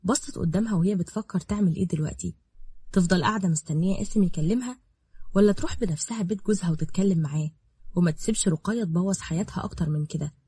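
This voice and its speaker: Woman, Egyptian accent, story narration, quick pace, husky voice. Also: on the low side, mellow. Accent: Egyptian Arabic. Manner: brisk, dramatic storytelling. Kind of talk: scripted narration with acted dialogue.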